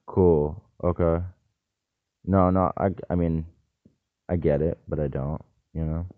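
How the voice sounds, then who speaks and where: Speaking slowly in a low voice with fairly even intonation, a man meanders through a jokey solo monologue, wandering off topic and interrupting himself. There's no room sound; the audio is dry and tinny, like a phone.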